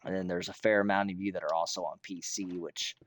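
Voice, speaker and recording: An American man with a hoarse, rough throat, chatting casually and ramblingly as he hosts a gaming livestream, often clearing his throat. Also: low-pitched, steady tone, quick pace. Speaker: streamer hosting a Minecraft realm.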